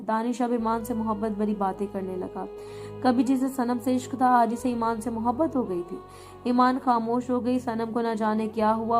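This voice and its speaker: A woman narrating an emotional love story in a soft storytelling manner, speaking the lovers' lines herself. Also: fairly high pitch.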